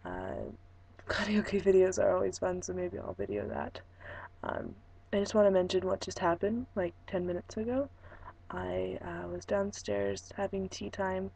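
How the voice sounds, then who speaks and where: A young woman records a casual, unscripted vlog. Her voice is giving out from a sore throat, hoarse and breathy with a creaky rasp. The tone is soft and mellow, and she talks in a relaxed, halting way. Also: on the low side, rough recording. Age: young adult. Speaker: vlogger. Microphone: webcam microphone.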